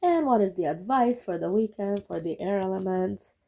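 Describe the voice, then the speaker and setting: Sick lady doing a chill tarot reading, mellow voice, keeps saying okay?. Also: medium pitch, lively intonation, normal speed, a little hiss or hum, low-quality recording. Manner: chatty, keeps checking in with "okay?". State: sick, rough voice. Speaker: tarot reader. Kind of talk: casual tarot reading to viewers.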